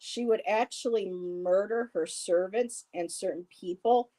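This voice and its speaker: A woman in her fifties speaks in an unhurried, warm voice of medium pitch. As host of a live stream, she reads viewer comments, makes casual conversation with a friend, and rambles with lots of laughter.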